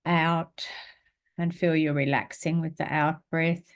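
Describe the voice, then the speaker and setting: A woman teaching a spiritual class, guiding a meditation in a slow, calm, gentle way and reading aloud. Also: low voice.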